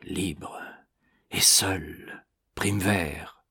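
A lonely young swordsman turns his thoughts over in a soft, inward murmur, voiced by a male audiobook reader. The voice sits low and moves slowly, as if talking only to himself. It reads as a storybook hero alone with his regrets. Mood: despairing.

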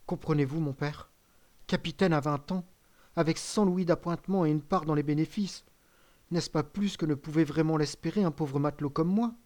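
A man's voice: on the high side, normal speed, a little mellow, pitched above the performer's own voice, lightly acted. A man voicing an eager young sailor son. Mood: eager, warm. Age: 20s. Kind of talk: audiobook character voice.

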